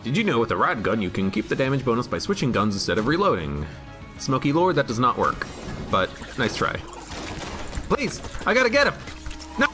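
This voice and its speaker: Guy streaming a game, rambly and jokey, pitch bouncing all over, game music behind. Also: huge pitch swings, brisk. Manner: rambling, jokey, reads chat aloud. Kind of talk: casual gameplay commentary.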